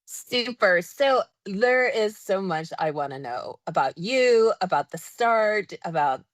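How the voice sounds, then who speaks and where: A woman hosts an interview podcast, opening with a polished introduction and moving into friendly questions. Her pitch moves a lot and her tone stays upbeat. The recording is dry, with almost no room sound. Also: lively intonation, slow, no echo. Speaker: podcast host.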